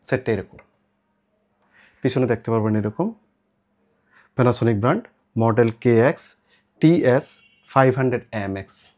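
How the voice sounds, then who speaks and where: A shop seller with a Bangladeshi accent walks through a product demonstration step by step, informally and with English words mixed in. His medium-pitched, darkish voice is animated, measured and full of pauses. Background noise is clear, with clicks.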